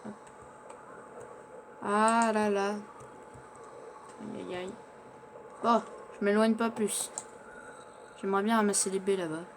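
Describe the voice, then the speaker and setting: A man's voice: high-pitched, fairly even intonation, slow, pauses often, a little hiss or hum. A man playing in character, chatting through his survival game and narrating what he does, often stumbling over his words. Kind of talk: in-character survival gameplay commentary.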